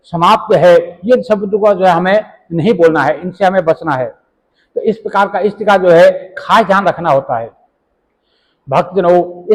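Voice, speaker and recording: A man's voice: sits high, big-room sound, poor audio. A man giving rambling devotional instruction, reciting mantras and repeating filler phrases as he explains. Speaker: religious teacher.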